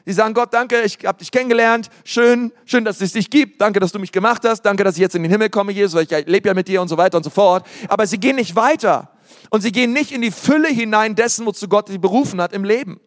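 A man delivers a sermon in a casual, energetic way, scattering fillers and English words. His voice sits high for a man. The church hall adds a long, ringing reverb. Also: fast talker. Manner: lively preaching, mimics congregants in put-on voices; casual, many fillers and anglicisms. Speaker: pastor.

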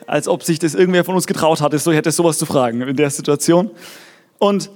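A man's voice: fairly high pitch, fairly quick, darkish tone. A man preaching a casual, chatty youth sermon, talking straight to his listeners with lots of "hey" and "ja". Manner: chatty, peppers talk with "hey" and "ja". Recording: reverberant hall.

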